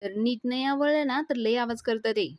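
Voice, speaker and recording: A woman's voice: fairly high pitch, normal speed, dry recording, close to an everyday voice. A woman reading a shady bossy young man.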